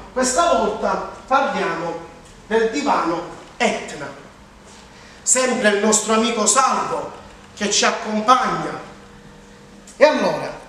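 A man, giving an emphatic, drawn-out infomercial sales pitch as a TV furniture salesman. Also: fairly bright tone. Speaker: TV furniture salesman presenting offers. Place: large indoor furniture showroom. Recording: echoey showroom, distant mic, faint noise.

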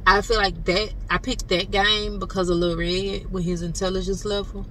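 A woman's voice: mid-range voice, flat delivery, normal speed. A young woman, chatting straight to her viewers in a casual vlog. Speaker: vlogger. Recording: far from the mic with loud background noise.

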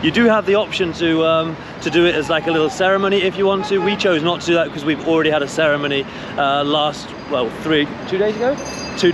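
A man's voice: a little high, background noise. A man in his thirties with an English accent, chatting to a handheld camera as he walks through city streets and a busy public hall, explaining each step. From England. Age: 30s. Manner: chatty, explains steps to camera while walking. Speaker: vlogger. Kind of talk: casual travel vlog. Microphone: camera held at arm's length. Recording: background music.

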